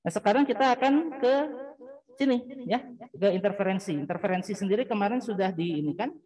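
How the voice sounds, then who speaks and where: A man giving a university physics lecture, explaining patiently, often pausing with fillers and searching for words. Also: sits high, darkish tone, rough recording. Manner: patient explaining, checking in with frequent "ya".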